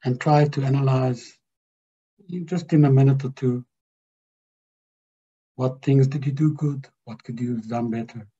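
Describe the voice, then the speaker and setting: A man giving a slow, measured spiritual teaching to a group, stressing key words. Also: mid-range voice, fairly even intonation, warm tone, slightly rough, dull audio. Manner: slow, measured, emphatic delivery.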